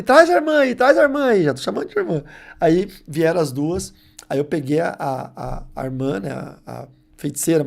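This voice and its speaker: A man preaching on a live show, telling a testimony in an animated, emphatic way and acting out the dialogue. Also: high voice, creaky. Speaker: preacher on deliverance ministry.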